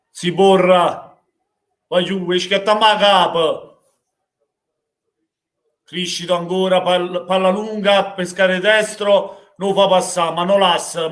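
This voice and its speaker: A young man with a Neapolitan accent, reacting live to a football match and answering his chat, swinging from easy talk to loud outbursts. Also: high voice, slow, pauses often. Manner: emotional, swings from calm chat to shouting.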